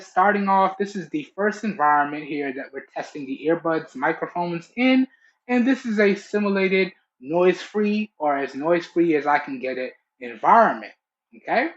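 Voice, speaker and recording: A young man talking casually and emphatically to camera as a product reviewer, checking in often, recorded through a Bluetooth earbud microphone. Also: on the high side. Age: young adult. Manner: chatty, emphatic, checking in with "okay" and "all right". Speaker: tech reviewer and channel host. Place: small room indoors. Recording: muffled lo-fi Bluetooth headset mic.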